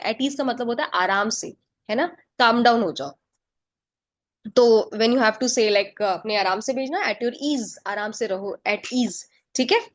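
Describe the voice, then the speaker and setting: Hindi-teacher woman, higher voice. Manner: mixes Hindi and English, asks the class questions then answers them. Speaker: English vocabulary teacher. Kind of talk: online exam-prep lesson.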